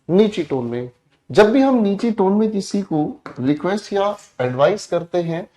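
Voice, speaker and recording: Male tutor, fairly high voice, lectures a class, repeats himself, keeps asking "got it?", jumps from loud to soft. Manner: repetitive, addresses students directly, asks check questions; switches between loud emphatic and soft low delivery. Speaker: English teacher.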